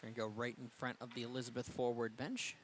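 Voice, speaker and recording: Man, hockey play-by-play, even mid voice, quick calls, faint background hiss. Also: mid-range voice. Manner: brisk, rises in excitement on goals. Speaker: play-by-play announcer.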